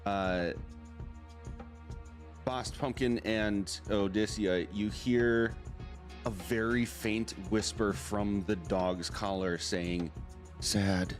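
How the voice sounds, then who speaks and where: A man narrating as game master of a tabletop role-playing game, speaking haltingly with many fillers. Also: lowish voice, faint music behind.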